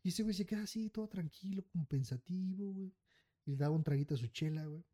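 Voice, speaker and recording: A podcast co-host with a Mexican accent tells a story in a casual chat, his voice sitting high and moving fast. He swears freely, tacks "güey" onto nearly every phrase, and animatedly acts out the people in his tale.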